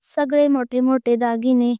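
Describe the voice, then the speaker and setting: A woman's voice: sits high, steady tone, a little slow, mellow, clean tone, no echo. A woman narrating a scripted romantic story, reading steadily.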